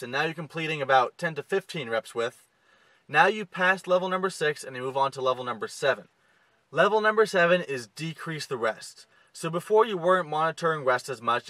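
A man in his twenties giving steady, step-by-step fitness instructions to the camera from inside a car. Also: a little high, no room sound, rough recording. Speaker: fitness coach. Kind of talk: direct-to-camera fitness tips. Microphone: camera close to the face.

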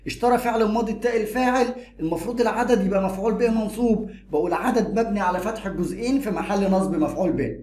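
Egyptian male grammar teacher, brisk and high-pitched, drills rules, echoey room. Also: a little hiss or hum. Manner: lively, repeats and drills rules. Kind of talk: explanatory grammar lesson.

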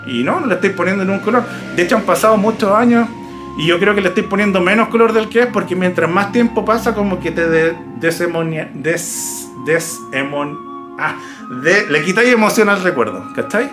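A Chilean man casually telling a personal ghost story, lively and full of slang, imitating sounds as he goes. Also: high-pitched, brisk, music in the background. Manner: animated, imitates barks and hoofbeats, slangy. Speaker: YouTuber telling ghost stories.

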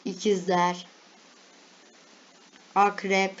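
A woman's voice: medium pitch, flat delivery, very slow. Chatty young woman, lo-fi sound. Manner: chatty, reads lists aloud, laughs at herself. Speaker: vlogger. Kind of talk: casual reaction chat.

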